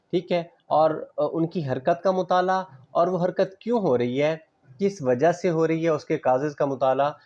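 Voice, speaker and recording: A man with a fairly high, dark-toned voice gives a classroom lecture on physical education, and the audio sounds dull. He explains patiently using everyday examples, mixes in English terms, and checks that his students understand.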